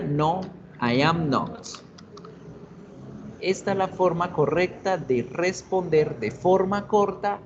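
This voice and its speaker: A man's voice: mid-range voice, lo-fi sound, a little hiss or hum. A man teaching a basic English class online in Spanish, explaining patiently and mixing in English phrases. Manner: slow, explanatory, switches between Spanish and English.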